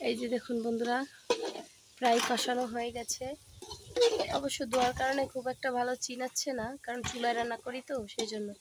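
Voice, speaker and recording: A woman vlogger talks her viewers through a home recipe in a steady step-by-step way. Her voice sits high and stays flat in tone. The recording has plain background noise from a rural kitchen. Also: a little fast. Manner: steady step-by-step narration, addresses viewers as friends. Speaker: cooking vlogger. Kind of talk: casual cooking demonstration. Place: home kitchen with a wood-fired stove.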